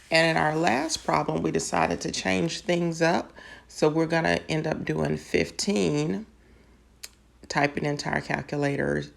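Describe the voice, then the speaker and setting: A woman's voice: sits low, creaky. A woman patiently explaining math step by step in an online lesson. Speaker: math teacher.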